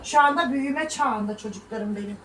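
A high-pitched woman in her thirties, a vlogger, talks briskly to viewers through a casual home cooking video, chatting, scolding and mocking her critics with laughs. She's recorded from a distance, a little away from the phone, in an echoey kitchen with faint room noise.

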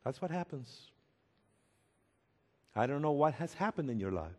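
A man preaching a sermon as a pastor, telling a story slowly and emphatically and rising to shouts at its peaks. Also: mid-range voice, sing-song. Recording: echoey hall with long reverb.

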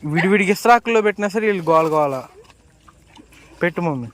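A man's voice: high-pitched, lively intonation, fast, fairly bright tone. A man chatting casually with his mother outdoors while feeding puppies, often calling out to her. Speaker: son helping feed puppies. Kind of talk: casual family chat. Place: outdoors by a road.

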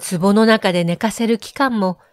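A woman narrating a classic novel as an audiobook reader, calm and measured. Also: mid-range voice, no room sound, studio quality.

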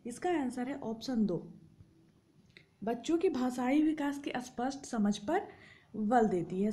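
A woman tutor reading exam questions aloud, listing each option in turn and then giving and explaining the answer, in a steady, methodical manner. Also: a little high, slight background noise.

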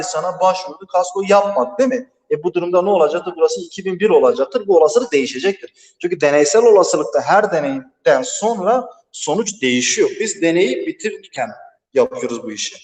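In a big, empty classroom, a man teaches math by himself, his high, darkish voice coming quickly and with animation. He patiently explains each step and keeps checking in with "right, friends?" while his words echo strongly off the walls of the hollow hall.

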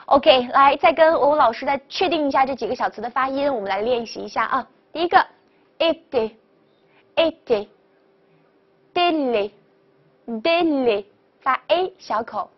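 A woman teaching French pronunciation in a video lesson, upbeat and quick to praise, repeating each model word. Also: high-pitched. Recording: dull lo-fi recording.

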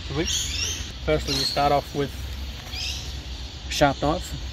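A man's voice: fairly high pitch, level tone, a little slow, noisy background. A young man talking casually to the camera outdoors in the bush, laid-back and slangy. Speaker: vlog host. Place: outdoors in bushland.

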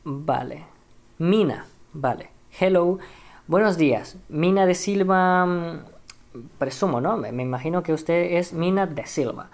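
Low-voiced woman musing through a game. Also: unhurried, darkish tone. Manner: hesitant, thinking aloud with many fillers. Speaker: gameplay streamer. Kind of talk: casual game commentary, reading dialogue aloud.

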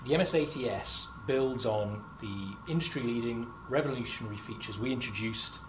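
A man's voice: medium pitch, normal speed. A young man hosting a corporate product interview in a lab, chatty and upbeat with frequent fillers. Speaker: marketing host. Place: company lab, indoors, standing. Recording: lab background noise.

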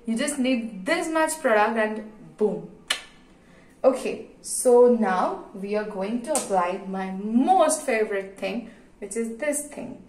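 A woman's voice: fairly high pitch, animated, slow pace, a little mellow, a little hiss or hum. A woman in her twenties with an Indian accent chats casually as a vlogger, often repeating words for emphasis. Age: 20s. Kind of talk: casual chatty vlog talk. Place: hotel room and small tiled hotel bathroom. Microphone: phone propped a short distance away. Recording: echoey tiled bathroom, distant phone mic.

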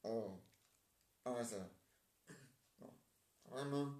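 A man's voice: mid-range voice, slow pace, mellow. A man performing every part of his own homemade play himself, rambling and hesitant, with frequent filler tags. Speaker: amateur playwright performing all parts. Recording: roomy echoey home recording.

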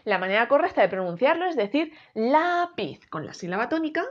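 A woman teaching a grammar lesson, slowly spelling out syllables. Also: a little high, very animated. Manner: clear, drawn-out syllables for teaching. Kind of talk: explaining a Spanish grammar lesson. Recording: dull lo-fi sound.

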